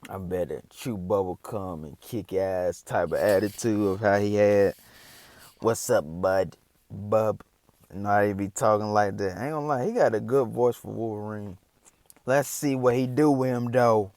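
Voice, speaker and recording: A man's voice: fairly low pitch, moderate pace, darkish tone, no echo. A man chatting casually as a reaction host, slangy and rambling.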